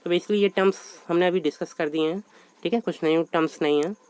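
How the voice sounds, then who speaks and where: A male teacher with an Indian accent giving a classroom lecture on business studies, reading English definitions slowly, then explaining them quickly with rhetorical questions. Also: on the high side, fairly even intonation, darkish tone, smooth. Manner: repeats "thik hai" and asks rhetorical questions.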